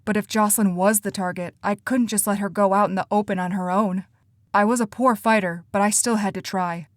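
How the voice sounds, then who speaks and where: A woman reading first-person audiobook narration in an even, measured way. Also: mid-range voice, no room sound.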